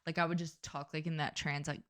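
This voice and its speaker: Young woman, casual podcast co-host, chatty and self-deprecating, a bit low for a woman. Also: level tone, fairly quick. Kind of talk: casual chat.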